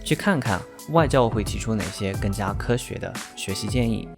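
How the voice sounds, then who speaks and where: A man hosts his vlog with a measured, explanatory delivery, setting up the topic and then asking questions. His voice sits on the low side. Clear music plays behind him throughout. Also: lively intonation. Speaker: host. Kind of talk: vlog narration and interview questions.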